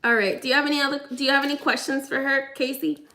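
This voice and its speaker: Bright-voiced woman psychic giving readings. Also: sits high, flat delivery, quick pace. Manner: laughing, relaying spirit messages in quoted voices. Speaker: psychic medium. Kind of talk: live mediumship reading, casual.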